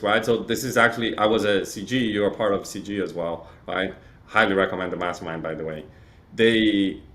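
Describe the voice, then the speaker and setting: A man from Chile with a fairly low, slightly bright voice is a guest in a conversational interview, where he explains his work as a real estate data provider. He frequently adds "right?" as he talks.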